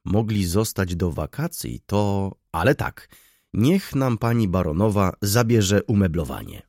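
A man's voice: lowish voice, big pitch swings, unhurried, a little mellow, no room sound, clean studio sound, heavily acted. A man voicing a smug young student lodger in an audiobook, speaking with sugary mock courtesy. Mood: mock-polite. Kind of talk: audiobook reading.

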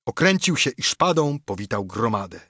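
Male narrator, husky voice, dry close recording, dramatic verse reading. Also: mid-range voice, very animated, normal speed, bright, forceful tone, no echo. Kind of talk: audiobook reading of an epic poem.

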